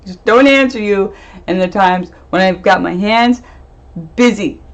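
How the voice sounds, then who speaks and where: A woman's voice: mid-range voice, slow. A woman doing a casual live-stream tarot reading, chatty, laughing often and trailing off into fillers. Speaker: medium and tarot reader. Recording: dull lo-fi stream audio.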